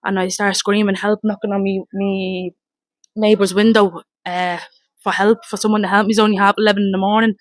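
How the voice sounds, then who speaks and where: A woman with a Dublin accent giving a blunt, rapid, emotional first-hand account, swearing and re-enacting her shouts, outdoors in front of her home. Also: mid-range voice, flat delivery, no room sound. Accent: Dublin Irish. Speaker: mother telling her story.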